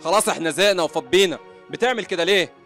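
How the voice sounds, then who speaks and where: An actor playing a defiant young son who shouts back at his father in an Egyptian accent in a radio drama. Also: high-pitched, expressive, very fast, soft background music. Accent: Egyptian Arabic.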